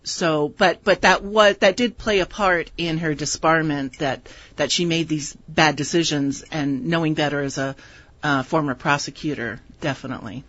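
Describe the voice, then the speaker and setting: A woman's voice: low-pitched, normal speed, fairly bright tone. Woman author explaining on radio. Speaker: author guest. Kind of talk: radio interview. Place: radio studio. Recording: dry, dull radio studio audio.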